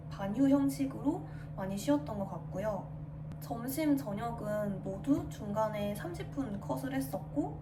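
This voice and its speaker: A woman in her twenties, a pharmacy student, answering viewer questions in a friendly, even way in her new apartment. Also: a little high, roomy sound, far from the mic, very noisy. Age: 20s. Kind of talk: casual Q&A monologue.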